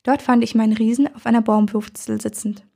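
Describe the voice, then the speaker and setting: A woman reading a first-person story aloud in a calm, measured storytelling manner. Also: fairly high pitch, vocal fry. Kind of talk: first-person audiobook narration.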